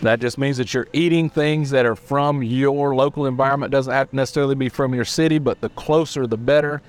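A man's voice: medium pitch, a little fast. Man, guest chiropractor, easygoing explainer, recorded outdoors on a patio. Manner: relaxed, explains food with enthusiasm. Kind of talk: casual chat.

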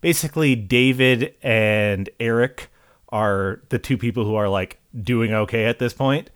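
A man co-hosting a casual film discussion, recapping plot points in a laid-back way that often trails off quietly. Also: mid-range voice, unhurried, smooth, no echo, clean studio sound. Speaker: podcast co-host.

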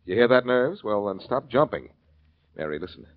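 A cool-headed, wry adventurer hero from an old radio show. His voice is very deep, and his pitch rises and falls a lot as he talks. The sound is dull and muffled, like a vintage radio recording. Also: animated, normal speed, a little hiss or hum. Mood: urgent. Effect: old radio show broadcast. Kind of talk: 1940s radio acting.

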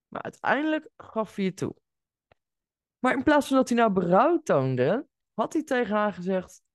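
A woman hosting her own podcast, telling a client's story in an expressive monologue spoken straight to the listener. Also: medium pitch, dry recording, studio quality. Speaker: podcast host and coach.

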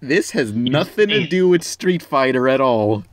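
A man's voice: medium pitch, sing-song, a little slow, no echo. A man co-hosting a podcast, chatting casually and jokingly about movies. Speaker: podcast co-host. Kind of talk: casual comic movie chat.

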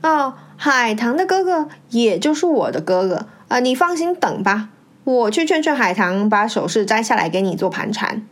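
A woman voicing a cruel, scheming first wife who flips between false sweetness and sharp scolding in a storybook tale. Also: mid-range voice, expressive, fairly quick, voice pushed down, natural voice. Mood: falsely sweet. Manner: sly, scolding, two-faced. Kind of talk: storybook reading.

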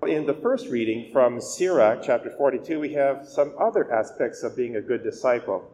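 A male priest reading the gospel and preaching a weekday homily at a steady, measured pace, his voice ringing with a long cathedral echo. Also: mid-range voice. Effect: long cathedral-style echo. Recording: echoey church hall with faint hiss.

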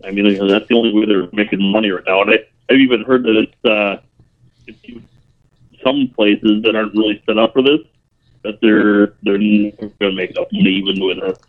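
A man co-hosting a casual podcast from home over a cell phone, lively and chatty. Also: lowish voice, brisk. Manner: lively and chatty, with many fillers. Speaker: podcast co-host. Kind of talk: casual chat. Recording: gravelly phone-line sound.

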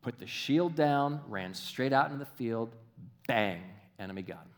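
A male pastor preaching a sermon in a church, animated and acting out little voices, then dropping to a soft, hushed delivery. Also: mid-range voice, measured pace. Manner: animated, acts out quoted voices.

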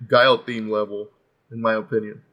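A man's voice: fairly low pitch, level tone, a little fast, muffled recording. A man co-hosting a casual podcast, easygoing and chuckling as he steers the chat. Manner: easygoing, chuckling, drifts between topics. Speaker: podcast co-host.

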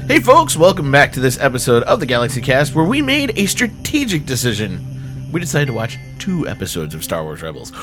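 A man's voice: mid-range voice, big pitch swings, brisk, over music. A man chatting casually as a podcast host.

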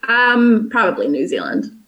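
A woman's voice: on the high side, very animated, normal speed, a bit bright, lo-fi sound. A woman in her late twenties, originally from South Africa, chatting casually and upbeat as an interview guest, with lots of fillers and easy laughs.

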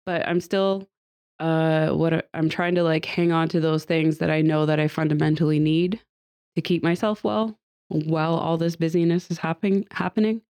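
A woman hosts a casual group podcast chat, seated at a table with guests, sounding a little nasal as she gets over a cold. Her low voice is steady and a little mellow at normal speed, and she's chatty and upbeat with frequent fillers and light laughs.

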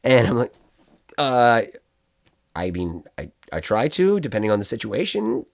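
A man's voice: mid-range voice, measured pace, creaky. Guy telling a crazy story on a podcast, rambly, keeps going on sidebars. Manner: rambling, self-interrupting, animated storytelling. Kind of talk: casual chat.

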